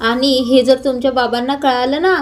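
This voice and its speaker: A woman voicing a scheming, sharp-tongued aunt who taunts and scolds, in a retold TV serial. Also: sits high, little pitch movement, moderate pace, close to an everyday voice. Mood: soothing.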